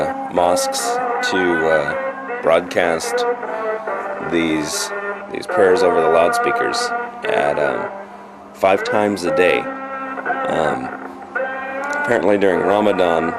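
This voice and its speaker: Man narrator, home video voice-over, halting with lots of fillers, low voice with a lively pitch range, loud music underneath. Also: gravelly, poor audio. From United States. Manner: halting, many fillers and restarts. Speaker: narrator of a school trip video. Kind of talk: casual explanatory narration.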